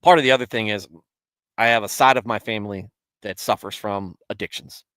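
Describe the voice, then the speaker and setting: Low-voiced man chatting, dry close sound. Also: a little fast, a bit bright, clear, resonant tone, no room sound. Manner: rambling, self-correcting, chuckles often. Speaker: streamer hosting a Bible show. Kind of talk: casual live-stream chat with viewers.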